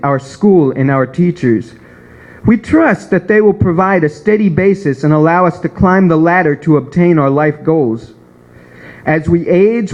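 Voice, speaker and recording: High-pitched man preaching, dull recording. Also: a little mellow. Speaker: beginner preacher giving a first sermon. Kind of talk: prepared sermon, read from a script.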